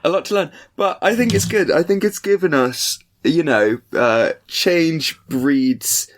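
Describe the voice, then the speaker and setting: A man's voice: on the high side, unhurried, a little hiss or hum. A man co-hosting a podcast in casual, rambling, dryly joking chat, recorded in the attic of a house. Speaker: podcast co-host. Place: attic room of a family house.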